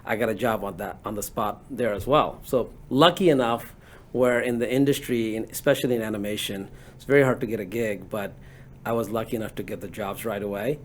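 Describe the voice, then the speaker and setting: A man from Bangladesh in his forties, answering interview questions in a relaxed, rambling way with many fillers. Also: on the low side, a little fast. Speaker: guest entrepreneur.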